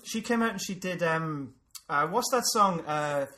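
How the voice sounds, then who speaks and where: Bright-voiced Irish man bantering. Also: on the high side, lively intonation, a little hiss or hum. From Republic of Ireland. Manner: teasing, bantering, quick to joke. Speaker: podcast co-host. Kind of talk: casual comedy chat.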